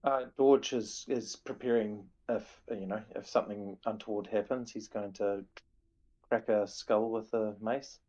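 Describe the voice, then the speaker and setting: A man with a low, soft-edged voice plays a tabletop game. He casually describes his character's actions. The sound is somewhat dull and muffled. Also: steady tone, measured pace.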